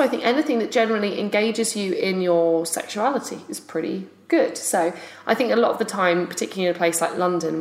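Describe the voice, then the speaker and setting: A woman co-hosting a podcast in casual chat, talking in a rambling way with restarts and "you know". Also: lowish voice. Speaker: podcast co-host. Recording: roomy echo.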